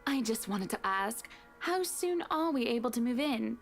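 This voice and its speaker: A woman's voice: a little high, animated, moderate pace, gravelly, soft background music. A woman putting on a sugary, snobby rich lady. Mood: condescending. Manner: sweetly condescending, drawling.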